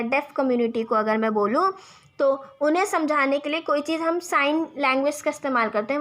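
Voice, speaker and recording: A young woman teacher with an Indian accent, reading English definitions slowly and explaining them in Hindi, asking herself quiz questions and answering them. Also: sits high, fairly bright tone. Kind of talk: exam-prep lecture.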